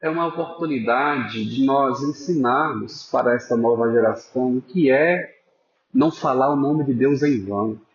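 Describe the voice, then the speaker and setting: A man preaching a sermon as pastor, earnest and pastoral, calling listeners brothers and sometimes dropping to a soft voice for emphasis. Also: medium pitch, moderate pace, reverberant, lo-fi sound. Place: church.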